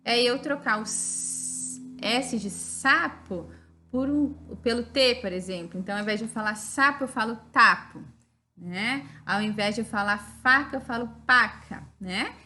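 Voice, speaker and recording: A woman's voice: a little high, normal speed, sharp tone. A woman with a Brazilian Portuguese accent giving a recorded teaching lecture, explaining step by step and often checking in with "né?". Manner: didactic, frequent "né?" tag questions.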